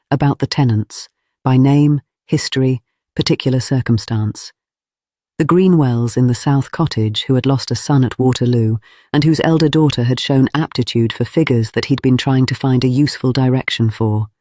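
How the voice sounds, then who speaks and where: A man reading a Regency romance as a scripted audiobook narration, in a measured, formal storytelling manner. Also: medium pitch, mellow, no echo, clean studio sound.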